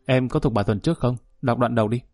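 A man voicing a young village teacher in a story, trying to sound stern and calm. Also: medium pitch, fast, dry recording, studio quality, faint music behind, natural voice.

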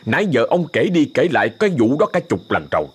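A stern exorcist barks orders brusquely, as a male narrator voices him. The husky voice swings widely in pitch while he scolds through an audio ghost story. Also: big pitch swings, fast. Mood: scolding.

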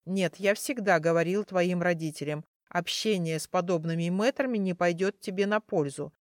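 A woman voicing a tiny, grumpy male magical guardian spirit with a creaky voice and a sarcastic, condescending manner. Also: fairly low pitch, normal speed, dry recording, clean studio sound, close to an everyday voice. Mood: scolding.

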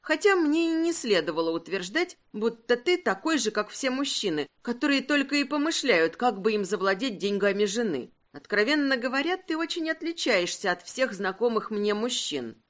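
A woman playing a proud young heiress in a romance audiobook, earnest and quick to argue. Her voice moves with a lively, wide-ranging pitch.

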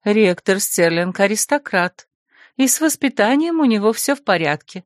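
A composed noblewoman teacher who speaks calmly and slowly with a touch of dry irony, as voiced by a woman narrator. The sound is dry and close. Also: mid-range voice, no echo, lightly acted. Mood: soothing. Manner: composed, gently wry. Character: calm aristocratic female teacher, rector's wife.

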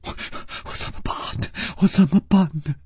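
A man's voice: medium pitch, huge pitch swings, takes it slowly, a little mellow, breathy edge, no echo, clean studio sound, full character voice. A man voicing a frightened, desperate young girl who stammers and trembles in a storybook reading. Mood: trembling, despairing.

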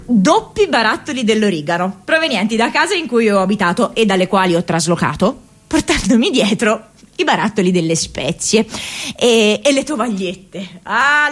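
In a radio theatre monologue, an actress with a fairly high voice plays an idealistic, restless young woman, coming across like an affectionately rebellious daughter. She speaks expressively but haltingly, with broken repetitions.

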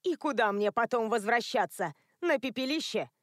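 A woman voicing a fierce old landowner who speaks slowly in a quavering voice and growls threats when roused. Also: fairly high pitch, lively intonation, dry recording, clean studio sound, close to an everyday voice. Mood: feigned frailty. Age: older. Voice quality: quavering voice, slow and drawn out.

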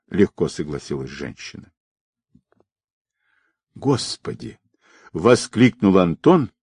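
A man narrating an audiobook in an expressive reading voice. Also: low voice, breathy edge, dry recording.

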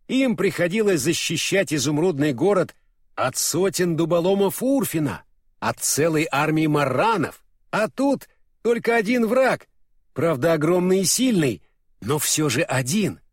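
A man narrating a fairy-tale audiobook in an expressive, vivid storytelling manner. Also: fairly high pitch, breathy edge, no echo, clean studio sound.

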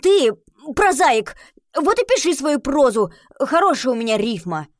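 A woman's voice: fairly high pitch, expressive, a little slow, darkish tone, no echo, clean studio sound. A woman voicing an earnest lovesick schoolboy who fancies himself a romantic poet and recites verse pompously, in an audiobook. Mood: indignant. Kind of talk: audiobook reading.

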